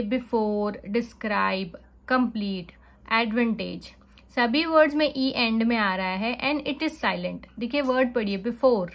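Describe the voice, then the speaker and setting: A woman teaching spelling rules to parents. She sounds out words slowly, letter by letter, and drops English terms into her explanations. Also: a little high. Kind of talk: phonics lesson for parents.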